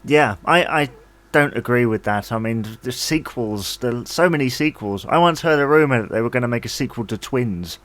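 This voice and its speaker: A man's voice: mid-range voice, animated, brisk, a bit bright. A man hosting a podcast, introducing quiz rounds in an easygoing, casual way. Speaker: podcast host.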